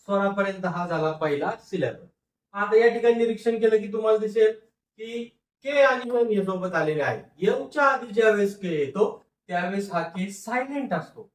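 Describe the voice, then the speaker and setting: A man teaches phonics, saying each word slowly and repeating it so the class can read along. His voice sounds distant, picked up in an echoey room. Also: high-pitched. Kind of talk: phonics lesson.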